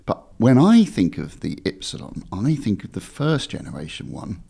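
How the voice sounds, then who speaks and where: A man's voice: lowish voice, huge pitch swings, moderate pace, creaky, warm tone, slightly rough. A British man co-hosting a casual car podcast, talking in an exclamatory way and often interrupting himself. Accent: British English. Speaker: podcast co-host.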